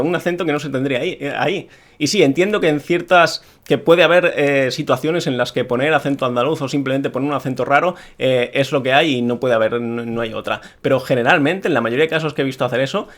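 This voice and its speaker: A man's voice: fairly high pitch, fairly bright tone. A man from Spain with a Peninsular Spanish accent, delivering an opinionated monologue as a video creator, with strong, emphatic criticism.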